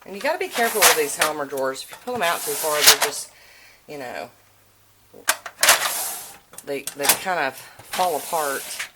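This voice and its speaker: A woman's voice: deep voice, animated, moderate pace, long pauses. A woman giving a casual, informal video tour in a folksy way, recorded indoors at home on a handheld camera. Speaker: vlogger showing a nail polish collection. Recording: noisy home recording with clicks.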